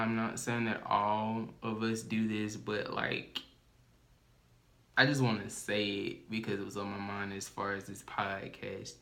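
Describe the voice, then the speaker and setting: A man co-hosting a podcast in casual chat, slow and thoughtful, with many fillers and hedges. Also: fairly low pitch, a bit bright. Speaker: podcast co-host.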